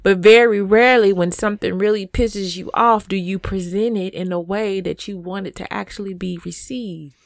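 A woman's voice: mid-range voice, steady tone, moderate pace, vocal fry, hardly any pauses, dry recording, studio quality. A woman in her thirties chatting casually as a podcast co-host, speaking frankly and with emphasis, often checking in with "right?". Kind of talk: casual chat.

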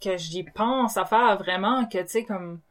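A woman with a Québécois French accent, a nurse and comedian, telling lively anecdotes in a casual interview and slipping in English words. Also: medium pitch, unhurried, a loud crowd.

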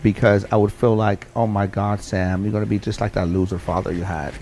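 A man's voice: lowish voice, steady tone, fairly quick, darkish tone, slight background noise. A middle-aged man in an interview, telling a personal story in a rambling way with many fillers and repeats. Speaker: interview guest.

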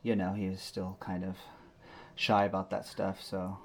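A man with a very low, deep voice speaks as a podcast host. His delivery is casual and conversational, like friendly chat between co-hosts. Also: monotone, moderate pace, slight background noise.

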